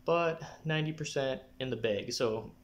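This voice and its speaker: A young adult man talking casually to camera in a personal update, often clearing his throat. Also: mid-range voice, normal speed. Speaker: vlogger giving a personal health update. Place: small living room, indoors. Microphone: phone or camera at arm's length.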